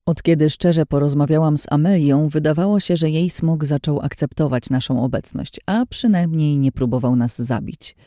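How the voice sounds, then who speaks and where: A woman narrating a first-person fantasy audiobook in a measured, calm reading, on a close studio mic. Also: deep voice, dry recording.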